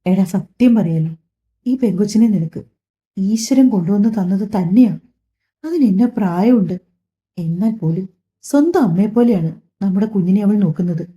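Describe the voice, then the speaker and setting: Hey woman reading as a friendly man teasing his pal, easygoing slow talk, warm low tone. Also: animated, natural voice. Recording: dull lo-fi recording.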